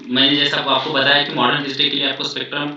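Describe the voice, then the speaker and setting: A man's voice: medium pitch, monotone, racing, pushed and bright. A male coaching teacher giving study advice in a repetitive, reassuring way, often mixing in English phrases. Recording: echoey room, distant mic, dull sound.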